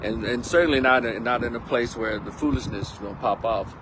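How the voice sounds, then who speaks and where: A man's voice: mid-range voice, a little fast, background noise. A man, chatting casually as a vlog host, rambling and laid-back with plenty of slang. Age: 50s. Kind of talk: casual monologue. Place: outdoors on a windy day.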